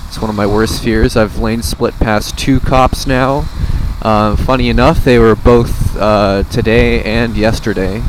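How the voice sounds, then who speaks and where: A man's voice: fairly low pitch, steady tone, a little slow, few pauses. An American man chatting casually and sarcastically inside a motorcycle helmet as he rides, narrating in a loose, rambling way with some swearing. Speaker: motorcycle vlogger. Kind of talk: casual rambling commentary while riding. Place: outdoors, riding a motorcycle on a freeway. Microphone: helmet comm system microphone. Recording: helmet comm mic, clear vehicle and road noise. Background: traffic and vehicle noise.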